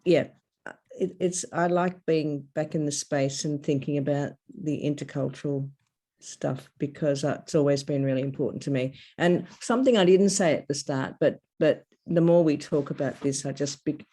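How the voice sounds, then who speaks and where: A woman speaks slowly and reflectively over a laptop mic, pausing often on fillers. Her tone is mellow and dark. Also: low voice. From Australia. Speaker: workshop participant. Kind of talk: casual discussion on a video call. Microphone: laptop webcam on a video call.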